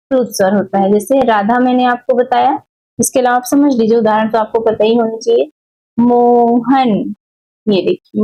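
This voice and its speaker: High-pitched Hindi teacher woman, mellow. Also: low-quality recording. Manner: repetitive, checks in with "theek hai" often, drags out vowels as examples. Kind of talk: explanatory classroom lesson.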